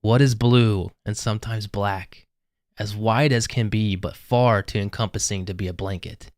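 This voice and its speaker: A man voicing a mysterious whispered voice that recites a riddle slowly and evenly. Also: on the low side, steady tone, no echo, clean studio sound, lightly acted. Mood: solemn. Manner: slow, measured recitation.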